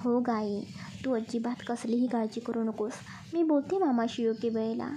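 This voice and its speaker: A woman voicing a calm, caring young woman who speaks gently and patiently. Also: fairly high pitch, moderate pace, slight background noise, lightly acted.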